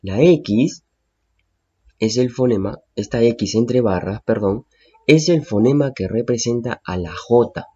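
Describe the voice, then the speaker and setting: A man's voice: medium pitch, animated, slow pace, mellow, slightly rough, lo-fi sound. A male teacher patiently explaining phonetic symbols to students, repeating key points and checking understanding.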